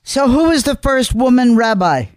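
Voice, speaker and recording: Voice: medium pitch, animated, normal speed, dry recording, studio quality. A radio host asking blunt, chatty questions. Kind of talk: radio interview.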